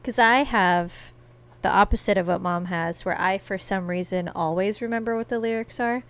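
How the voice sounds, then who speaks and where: Young adult woman, mid pitch, casual playful podcast host. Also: normal speed, a bit bright, smooth. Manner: playful, teasing, lots of "like".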